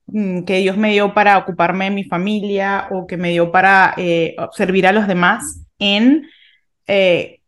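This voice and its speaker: Woman from venezuela, thirties, thoughtful and searching, frequent restarts, casual podcast chat. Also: medium pitch. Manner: reflective, thinking aloud with many restarts. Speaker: podcast co-host. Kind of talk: casual faith discussion.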